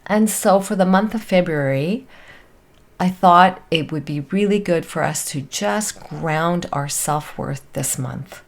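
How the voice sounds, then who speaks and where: A woman's voice: fairly low pitch, takes it slowly. A woman hosting a motivational self-help podcast, talking in an encouraging, earnest, conversational way like a self-help influencer and life coach.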